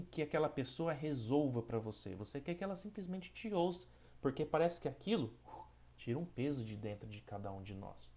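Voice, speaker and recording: A man with a Brazilian Portuguese accent leads a spiritist study group at a measured, mid-pitched level. His delivery is calm and reflective, moving from a read passage into thoughtful teaching, and he often pauses to check in with his listeners. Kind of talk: reading a passage, then reflective teaching talk.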